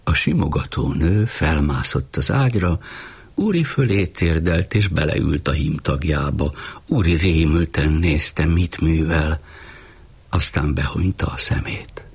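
A man reading a novel aloud as an audiobook narrator, with a measured, rhythmic delivery. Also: a bass voice, lively intonation, vocal fry, breathy edge.

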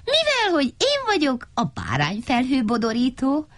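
A woman's voice: high voice, huge pitch swings, pitched above the performer's own voice. A woman voicing a cheerful, dreamy tramp who curls clouds, speaking with a smiling lilt, in a storybook radio reading. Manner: smiling, lilting.

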